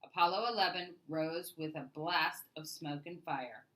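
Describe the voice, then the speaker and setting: In this low-quality recording, a woman whose voice sits low narrates a children's picture book as a storyteller would. Her reading is emphatic and expressive, with carefully paced phrasing.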